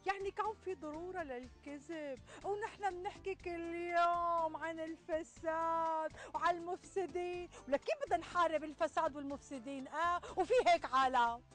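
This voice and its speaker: Middle-aged Syrian village woman, extremely high voice, chatty and exasperated, full of rhetorical complaints, TV sketch. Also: brisk, few pauses, fairly bright tone, faint music behind. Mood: indignant. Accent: Syrian Arabic. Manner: exclaiming, complaining, rhetorical questions. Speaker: actress in a TV sketch. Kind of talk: dramatic sketch dialogue. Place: outdoors in a leafy garden.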